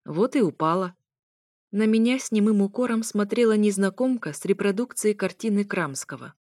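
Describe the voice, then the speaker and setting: A woman narrating a first-person audiobook with wry, lively storytelling. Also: medium pitch, moderate pace, dry recording. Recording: dry close recording.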